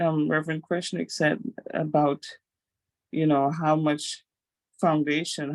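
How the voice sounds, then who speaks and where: Slow gravelly woman from Guyana. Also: deep voice, dry recording. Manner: halting, with many pauses and fillers. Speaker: participant sharing a reflection. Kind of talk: devotional sharing.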